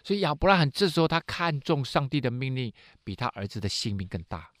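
A man tells a Bible story as a lesson, his pitch rising and falling in wide, animated sweeps. He pauses often on small filler sounds as he explains. The recording is dry and close, with no room sound behind him. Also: no room sound. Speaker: Bible teacher.

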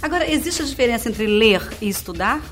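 A woman hosting an interview, putting measured questions for the audience. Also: on the high side, expressive, soft background music. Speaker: interview host.

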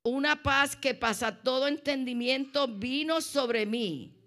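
A middle-aged woman with a Puerto Rican Spanish accent, sharing her personal faith testimony in an animated, storytelling way. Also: sits high, takes it slowly. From Puerto Rico. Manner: animated storytelling with laughs and acted quotes. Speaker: church member sharing testimony.

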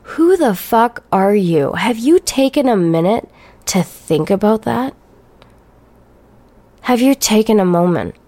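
A woman's voice: medium pitch, animated, takes it slowly, long pauses, warm tone. A woman hosting a solo podcast, talking in a blunt, profane, ranting and sarcastic way. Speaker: podcast host.

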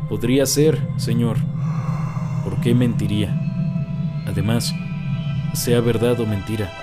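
A man's voice: medium pitch, a little slow, close to an everyday voice. A man playing a respectful police assistant who addresses his superior as sir. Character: deferential young male police assistant. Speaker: detective's assistant. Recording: loud music under the voice.

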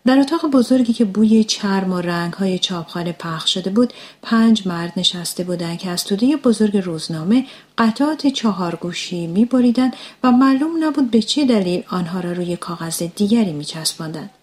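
A woman narrating a story aloud in calm audiobook style. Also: mid-range voice.

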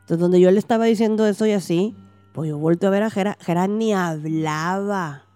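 Soft music plays behind a podcast guest with a Mexican Spanish accent as she animatedly tells of a paranormal experience, performing the quoted lines herself. Her voice is medium-pitched and fairly quick in this casual chat.

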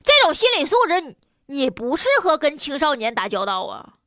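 A woman's voice: high voice, sing-song, a little fast, pushed and bright, no echo, studio quality. A woman with a Northeastern Mandarin accent hosting humorous, colloquial news commentary in a blunt, opinionated way. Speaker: host of a news commentary show.

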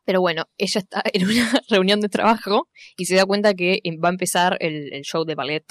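A young woman with an Argentine accent, recapping a film in casual chat, telling it in an animated way and acting out the quotes. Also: on the low side, fairly quick. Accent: Argentine Spanish. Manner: animated storytelling, acts out quotes, swears casually.

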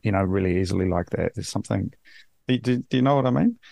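A man's voice: fairly low pitch, fast, gravelly, mellow, dry recording. A man from New Zealand hosting a podcast interview, chatting casually and rambling with frequent restarts. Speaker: podcast host.

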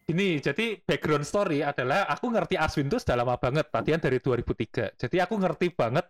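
A man's voice: on the high side, fast talker. A man hosting a casual chat, teasing his guest and laughing often. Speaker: host.

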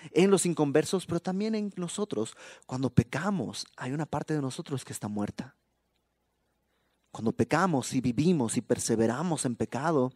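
A man's voice: medium pitch, a little mellow, no echo, clean studio sound. A man with a Mexican accent preaching a sermon in an emphatic, conversational way, full of rhetorical questions. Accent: Mexican Spanish.

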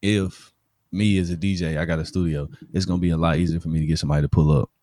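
This deep, mellow voice belongs to an Alabama man with a Southern drawl who works as a DJ with his own studio and speaks on podcasts. He talks fast with fairly even intonation, chatting in slang and often making sure you're with him. Studio-quality audio, dry with no room sound.

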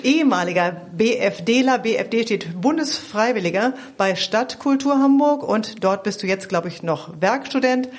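A woman's voice: on the high side, animated, moderate pace, hardly any pauses. A woman hosting a local podcast, talking casually. She chats freely with her guests, laughs easily and often rephrases mid-sentence. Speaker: podcast host.

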